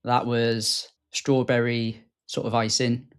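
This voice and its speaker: Relaxed British man, joking coach. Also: medium pitch, slow pace, smooth. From United Kingdom. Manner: laid-back, joking. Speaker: fitness coach. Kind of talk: casual chat.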